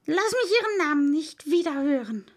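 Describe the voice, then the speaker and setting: A woman voicing a small, touchy mouse in a read-aloud story, shrill and shrieking with indignation. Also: expressive, moderate pace. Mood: furious. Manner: indignant, screeching. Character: small, touchy, trembling mouse, easily outraged. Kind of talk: audiobook reading.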